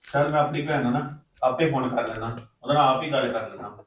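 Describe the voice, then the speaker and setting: Male actor as a brisk, firm husband; distant, very echoey, lo-fi audio. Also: medium pitch, close to an everyday voice. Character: dutiful husband resolving to call his sister. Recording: very echoey, distant, dull audio with faint noise.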